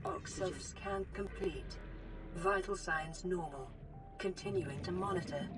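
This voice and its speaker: A woman voicing a calm female AI suit computer in a game, with a synthetic computer voice, giving measured, even status reports. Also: on the low side, breathy edge, no echo, soft background music.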